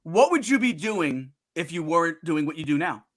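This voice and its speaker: A man's voice: a little high, very animated, normal speed. A male talk show host chatting casually, upbeat and repeating himself. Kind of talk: casual chat.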